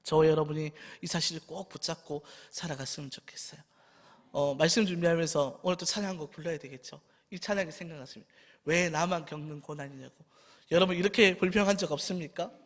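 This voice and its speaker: A man's voice: fairly high pitch, fast talker. A man preaching a sermon as a junior pastor, talking in an earnest, personal, pleading way. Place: church sanctuary. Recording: long church hall reverb with faint music.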